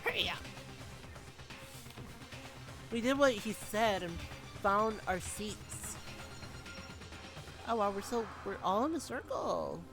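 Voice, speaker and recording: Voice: medium pitch, lively intonation, takes it slowly, long pauses, music in the background. A game streamer reading story text aloud during a live playthrough, stumbling, rereading and chatting to viewers.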